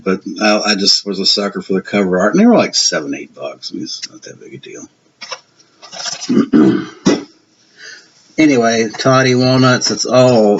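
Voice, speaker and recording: A man's voice: lowish voice, fairly bright tone. Older Southern man, chatty collector. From Virginia, USA. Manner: chatty, rambling, self-deprecating. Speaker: collector showing his film pickups. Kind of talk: casual show-and-tell vlog. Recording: dull lo-fi sound with faint hiss.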